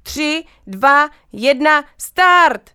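A woman voicing a lively young boy who calls out with excitement. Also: sits high, dry recording, clean studio sound, pitched above the performer's own voice. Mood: excited. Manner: excited, shouting.

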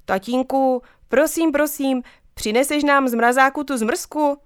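A woman's voice: high-pitched, steady tone, dry recording, clean studio sound, voice pushed up, close to an everyday voice. A woman voicing a playful, cheerful mother who teases her children. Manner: playful, teasing.

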